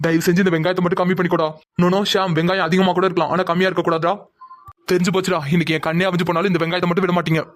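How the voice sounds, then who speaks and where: A man's voice: high voice, level tone, very fast, natural voice. A man voicing a group of young men who banter and complain while cooking in a cartoon. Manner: joking, whiny complaints.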